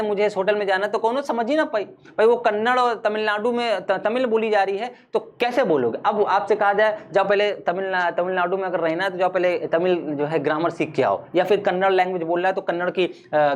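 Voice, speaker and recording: A male teacher gives a chatty spoken-English lesson, slowly drilling English phrases. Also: high voice.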